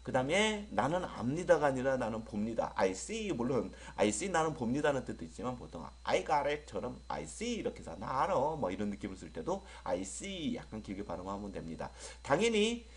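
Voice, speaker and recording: A man teaches English vowel sounds in an online lecture. His voice moves up and down a lot. He repeats each word slowly with long vowels and jokes with his students, whom he calls friends. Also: medium pitch, sing-song.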